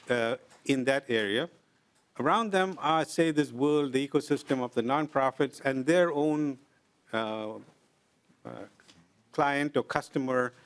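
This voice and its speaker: A middle-aged man testifying before a legislative committee. He speaks in an earnest, deliberate way and pauses often with "uh". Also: mid-range voice, clear, resonant tone. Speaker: invited presenter at a legislative committee. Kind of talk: formal testimony, explaining with examples. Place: legislative committee hearing room.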